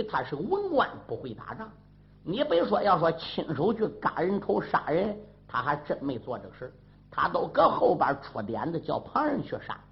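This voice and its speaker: Animated male traditional storyteller. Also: sits high. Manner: animated, with sound effects and asides. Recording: dull sound, faint music.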